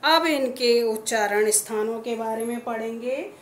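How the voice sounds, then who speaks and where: Woman teacher with a Hindi accent, higher pitch, slow and patient, echoey room. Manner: slow, patient, repeats sounds one by one. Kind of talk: classroom lesson on pronunciation. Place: school classroom.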